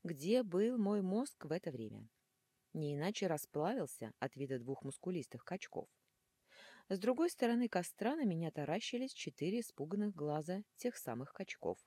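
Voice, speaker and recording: A woman narrates a first-person fantasy audiobook in a low, dark, husky voice. Her delivery is animated and dramatic, with wide swings in pitch. The recording is close and dry. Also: normal speed, no room sound. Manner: animated, dramatic, shifting into hissing whispers.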